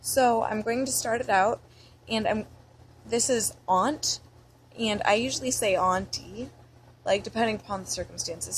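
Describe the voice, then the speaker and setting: A woman's voice: mid-range voice, slight background noise, low-quality recording. A young American woman talking in a casual vlog, rambling and chatty as she reads through a word list. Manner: rambling and chatty, with many fillers. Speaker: vlogger.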